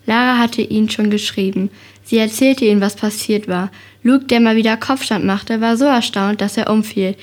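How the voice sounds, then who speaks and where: A woman reading a children's detective story aloud in a calm, clear way. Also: fairly high pitch, moderate pace.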